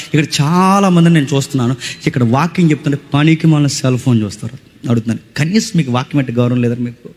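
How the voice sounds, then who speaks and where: A man's voice: high-pitched, a bit bright. A man preaching a sermon with a Telugu accent, impassioned and rhetorical, repeating phrases and scolding his listeners with pointed questions. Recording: long hall reverb.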